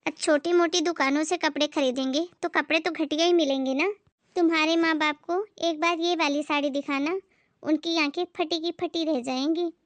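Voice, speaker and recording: A woman voicing a snobbish young sister-in-law who mocks and taunts in a slow, drawling way. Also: high voice, fairly even intonation, dry recording, close to an everyday voice. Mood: mocking.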